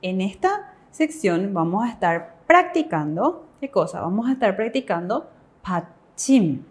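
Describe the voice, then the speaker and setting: A woman, co-hosting a language class and explaining each point clearly and reassuringly. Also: mid-range voice, very animated, normal speed. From Paraguay. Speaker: co-host of a language lesson. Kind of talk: bilingual classroom lesson on TV.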